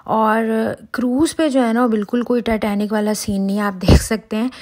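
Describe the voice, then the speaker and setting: A woman's voice: on the high side, a little fast. Chatty woman vlogging on a ship deck. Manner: chatty, excited, talks to viewers directly. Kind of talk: casual travel vlog narration. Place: outdoors on a cruise ship deck.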